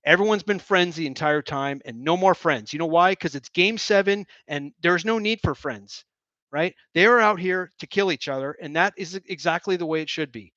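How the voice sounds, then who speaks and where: A male fan host calls the game in a joking, rambling play-by-play with plenty of excitement. His voice sits a little high. The sound is dull and lo-fi, from a dry room. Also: moderate pace, dry recording. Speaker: host of a fan watch-along broadcast.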